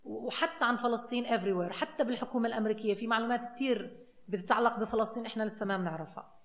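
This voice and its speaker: Fast-talking Palestinian woman mixing Arabic and English. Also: a little high, a bit bright, reverberant. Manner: mixes English words and phrases into Arabic. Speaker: researcher speaking on a panel. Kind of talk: informal explanatory discussion.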